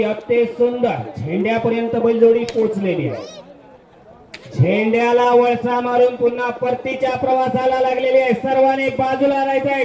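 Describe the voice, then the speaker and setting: A man giving live commentary on an outdoor race over a loudspeaker PA system, exclaiming praise again and again and firmly repeating rules for the crowd. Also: extremely high pitch. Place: outdoor bullock cart race ground. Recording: echoey, distant, muffled loudspeaker sound.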